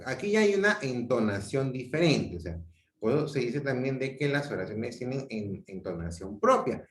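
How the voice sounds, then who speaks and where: Male teacher on a video call, mid pitch, roomy echo, explains patiently and repeats himself. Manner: explanatory, repeats himself and self-corrects often. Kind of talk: online grammar class. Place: home room on a video call. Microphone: video call mic.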